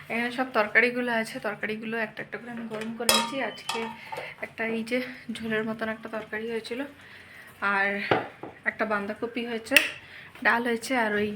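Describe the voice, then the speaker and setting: A woman with a Bengali accent talks her way through the day's cooking and chores for her vlog. Her voice sits a little high and her talk runs on easily. The phone recording picks up clear household noise behind her. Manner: chatty, running commentary on chores. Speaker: vlogger. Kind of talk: casual home vlog narration. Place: home kitchen.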